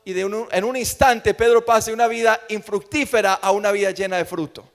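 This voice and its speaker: A man with a Colombian accent, raised in Medellín, preaches an evangelical sermon with personal testimony, emphatically repeating phrases for effect. His voice is high-pitched and brisk with vocal fry and fairly even intonation. He speaks in a large church room, and the recording carries a long hall reverb.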